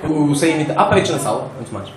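A male stand-up comedian with a European Portuguese accent, doing crude, animated crowd work on stage. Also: a little high, quick pace, very noisy. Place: comedy stage before a live audience. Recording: roomy live venue with laughing crowd.

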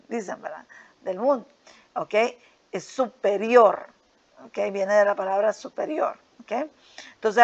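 A woman teaching English grammar to school students, explaining a worksheet step by step and checking in often with "ok?" and "right?". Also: on the high side. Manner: patient, repeats "¿ok?" and "¿verdad?" often. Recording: dull lo-fi sound.

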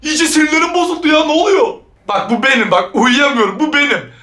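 A woman hosting a horror reaction video, jumpy and excitable, shrieking, laughing nervously and talking straight to her viewers. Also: sits high, fast talker, echoey room. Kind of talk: reacting to a horror short film.

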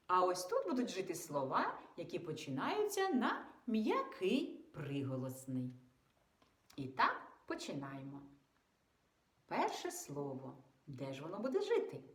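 A woman teaching young children in a patient, exaggerated sing-song voice, pausing for them to answer. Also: mid-range voice, roomy sound. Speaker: preschool teacher.

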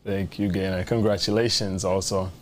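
A man's voice: sits low, flat delivery, moderate pace, a little hiss or hum. A man hosting a panel discussion over a video call, making brief, welcoming introductions. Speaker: host. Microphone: video call webcam.

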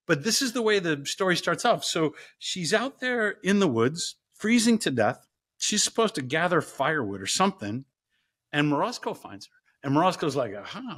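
A middle-aged man, a guest professor, telling a story in a casual, animated interview. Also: normal speed. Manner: animated, acts out story voices with big pitch jumps. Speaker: guest, professor and ice bath company co-founder.

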